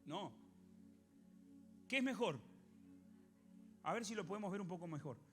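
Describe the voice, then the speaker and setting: A man with an Argentine accent preaching a sermon as a pastor, animated, questioning the congregation and acting out biblical voices. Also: high-pitched, a little slow, soft background music. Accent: Argentine Spanish.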